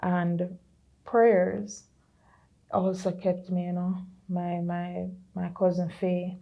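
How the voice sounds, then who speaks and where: A middle-aged Jamaican woman giving an earnest personal testimony, slipping into patois and lively quoted voices. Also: fairly low pitch, slow, vocal fry, muffled recording. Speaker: podcast creator sharing her story.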